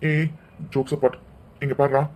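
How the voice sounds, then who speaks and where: A man's voice: medium pitch, level tone, brisk, darkish tone. A man voicing a joking, teasing older brother in a cartoon family argument. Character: young man, a bantering brother of the bride. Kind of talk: cartoon dialogue acting.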